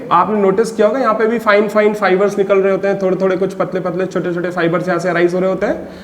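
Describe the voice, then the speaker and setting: A man teaching biology in a mix of Hindi and English, asking the class short questions and answering them himself, and slowing down to dictate definitions. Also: high voice. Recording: long reverb, faint background noise.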